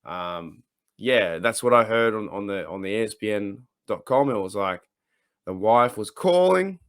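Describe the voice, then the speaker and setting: With a lowish, fairly bright voice and no echo, an Australian podcast host chats casually about sports, wandering off topic and stumbling in a hesitant, halting way.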